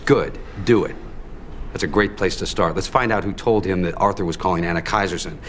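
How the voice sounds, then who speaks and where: A man's voice: deep voice, brisk, a bit bright, a little hiss or hum. An actor playing a shrewd, world-weary man in a film drama, sardonic and needling as he accuses. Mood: sardonic menace.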